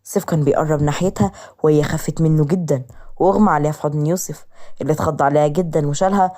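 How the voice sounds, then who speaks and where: A woman with an Egyptian accent narrates a romantic story in a brisk, even manner. Her voice sits low. She moves through the story at a rapid clip.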